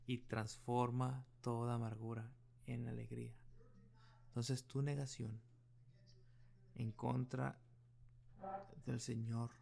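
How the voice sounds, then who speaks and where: A man's voice: mid-range voice, creaky, mellow. A middle-aged male pastor preaching a sermon, telling a personal story in an earnest way.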